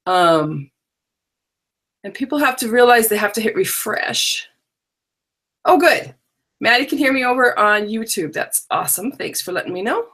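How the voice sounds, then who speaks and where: Speaking from the stamp room in her home, a middle-aged woman runs a live online crafting workshop in a loose, rambling, chatty way, addressing unseen viewers. Her scratchy, drowsy voice is fairly high and fairly bright, with lively intonation, normal speed, and frequent pauses. The talk is casual live-stream chatter.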